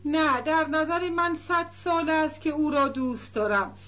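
A woman's voice: sits high, fairly bright tone, muffled recording, faint music behind. A woman reading as a rapturous young woman in love.

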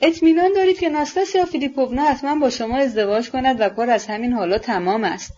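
A woman's voice: high voice, darkish tone. A woman voicing a shy, earnest young man who speaks timidly and sincerely, in a storybook reading on a dull recording.

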